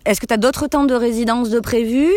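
A woman hosting a local radio interview, presenting lively and friendly. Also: on the high side, fairly quick, no room sound. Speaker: radio host.

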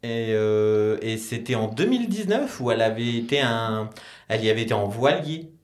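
A man's voice: medium pitch, lively intonation, moderate pace. A man co-hosting a podcast, casually posing riddles in a playful, joking way. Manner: playful, joking, laughs often. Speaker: podcast co-host. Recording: roomy.

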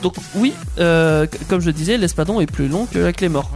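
A man's voice: on the high side, normal speed, gravelly, music in the background. A man hosting a casual radio quiz, chatty and often laughing as he talks. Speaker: quiz host.

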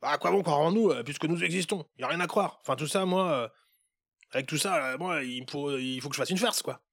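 A man's voice: a little high, brisk, fairly bright tone, dry recording, clean studio sound. A man voicing a clumsy, panicky prankster elf in a storybook tale, talking in frantic exclamations. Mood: puzzled.

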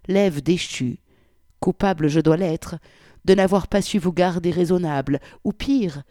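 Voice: mid-range voice, mellow, no room sound, studio quality, close to an everyday voice. A reader voicing a prudish, pious widowed wartime godmother, reading her ornate, old-fashioned letter with swells of indignation.

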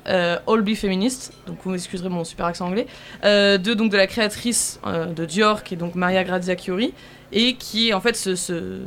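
Chatty woman with faint background hiss. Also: medium pitch. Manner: lively storytelling with restarts. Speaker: podcast co-host. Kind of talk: casual round-table discussion.

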